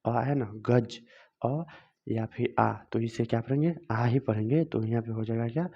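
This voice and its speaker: A man's voice: mid-range voice, moderate pace. A man teaching grammar in a video lesson, asking the viewer questions and answering them himself, repeating each step. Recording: dull lo-fi sound.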